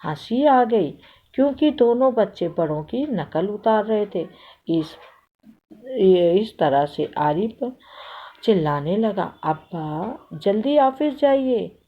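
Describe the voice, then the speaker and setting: A woman's voice: medium pitch, expressive, slow pace, breathy edge. A woman teacher reading a story aloud to a class, stopping to quiz the children and repeat their answers. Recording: tinny phone-like audio.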